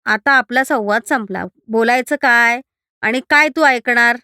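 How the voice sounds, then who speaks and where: A sharp-tongued older mother-in-law mutters and scolds without pause, voiced by a woman reading the story. Her complaints come high-pitched and grumbling. The recording is dry and close. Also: clear, resonant tone, dry recording.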